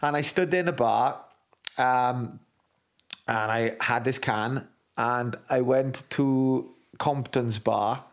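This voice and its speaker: This middle-aged ex-rugby player speaks slowly at medium pitch during a candid interview. He's frank, full of restarts, and swears without restraint.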